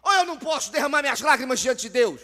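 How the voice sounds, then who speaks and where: A man voicing a grieving barren woman who pleads loudly and in anguish to God. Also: very high-pitched, quick pace, in a large hall. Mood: anguished pleading.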